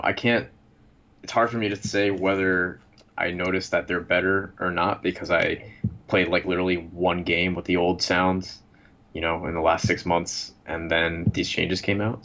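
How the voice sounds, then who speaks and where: A man with a deep, muffled fishbowl sound. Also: little pitch movement, normal speed, fairly bright tone. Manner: blunt, sarcastic, swears freely. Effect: muffled, hollow sound as if inside a fishbowl. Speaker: esports podcast co-host. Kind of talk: casual chat.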